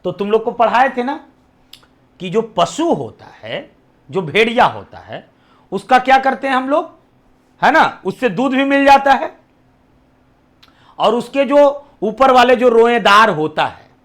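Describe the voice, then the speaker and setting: A man's voice: very high voice, sing-song, measured pace, long pauses, fairly bright tone. A man with a Bihari Hindi accent teaching an exam-prep lesson. He quizzes his students, repeats the answers back to them as questions, and drops almost to a whisper on the answers.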